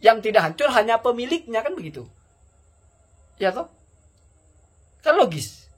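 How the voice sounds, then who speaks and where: A man's voice: extremely high pitch, very animated, a little slow, slightly rough. A man giving a casual spoken rebuttal, reasoning step by step and asking himself rhetorical questions. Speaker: commentator rebutting a preacher. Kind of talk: casual argumentative commentary.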